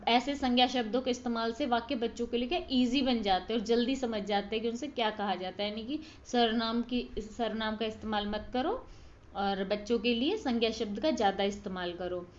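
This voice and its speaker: A woman tutor explains course material in a relaxed, conversational lesson and keeps checking in with her listeners. Her voice sits fairly high. The recording sounds dull and lo-fi. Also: brisk. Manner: conversational, checks in with listeners, acts out baby talk as examples. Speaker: tutor for distance-learning exam prep.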